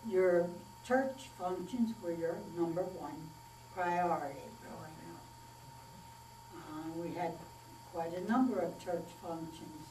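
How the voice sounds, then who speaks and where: A woman in her nineties, recalling her childhood in a slow, plainspoken oral history interview. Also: lowish voice, mellow. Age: 90s. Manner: unhurried, plainspoken storytelling with pauses and fillers. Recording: echoey room, distant mic, faint mains hum.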